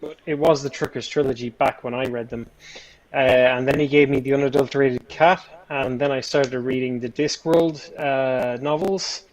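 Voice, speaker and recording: A man's voice: medium pitch, fairly even intonation, normal speed, low-quality recording. A man chatting casually on a voice call, rambling and playful, laughing often. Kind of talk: casual chat.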